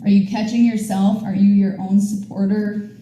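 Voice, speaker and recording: A woman's voice: medium pitch, little pitch movement, normal speed, warm tone, heavy reverb, slight background noise, rough recording. A woman teaching a yoga class, guiding poses with upbeat, chatty encouragement. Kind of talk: guided yoga class instruction. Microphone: camera mic at a distance.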